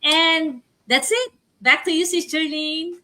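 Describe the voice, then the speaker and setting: A woman's voice: very high-pitched, slow. A woman from the Philippines co-hosting a talk show, chatty and laughing easily. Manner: giggly, lively, chatty. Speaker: co-host.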